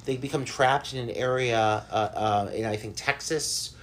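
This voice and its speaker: A man's voice: mid-range voice, moderate pace. A man guesting on a podcast, talking enthusiastically about movies in a rambling, casual way. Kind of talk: casual pop culture chat.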